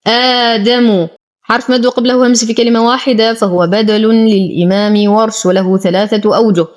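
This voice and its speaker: A woman's voice: a little high, fairly even intonation. Woman teaching Quran recitation rules. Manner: slow drawn-out recitation of words, then brisk explanation. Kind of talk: tajweed lesson, recitation with rule explanations.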